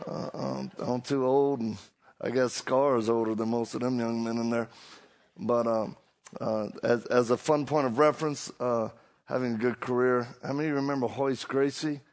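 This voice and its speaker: A middle-aged Cajun man from Louisiana, a preacher and motivational speaker, delivers a hyped-up, self-deprecating comic talk to a live audience. His voice sits at medium pitch with fairly even intonation, and he moves at a moderate pace.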